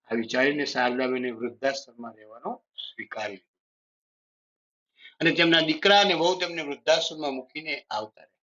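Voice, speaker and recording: A man reading a sad story in the first person, in a steady, sorrowful storytelling manner. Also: mid-range voice. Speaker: story narrator. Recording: dull lo-fi audio.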